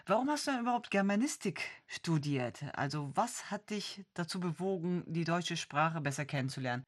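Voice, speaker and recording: A woman's voice: fairly low pitch, lively intonation, normal speed. A woman in her forties hosting a radio interview, asking friendly, encouraging questions. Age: 40s. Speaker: radio host.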